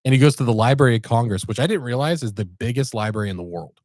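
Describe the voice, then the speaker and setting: A man's voice: medium pitch, rapid-fire, darkish tone, no echo. A man co-hosting a podcast, casually retelling a story in a rambling, laid-back way with lots of fillers. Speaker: podcast co-host.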